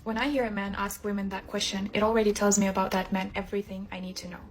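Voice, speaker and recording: A woman's voice: mid-range voice, flat delivery, quick pace. Emphatic woman making a case. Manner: emphatic, listing points. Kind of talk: earnest speech to camera.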